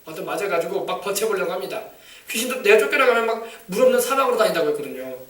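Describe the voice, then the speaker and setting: Fast, high-voiced preacher in an echoey church. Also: male voice, expressive. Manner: emphatic, calls for congregation replies; shouts commands at demons. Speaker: pastor. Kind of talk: sermon on casting out demons. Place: church sanctuary. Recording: echoey church, mic from a distance.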